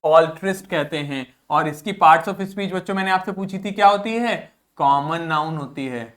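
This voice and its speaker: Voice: medium pitch, moderate pace, fairly bright tone. A teacher giving a recorded vocabulary lesson who asks the students questions and answers them, repeats each word, and spells words out letter by letter. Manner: explains in Hindi, mixing in English words and read-out English phrases.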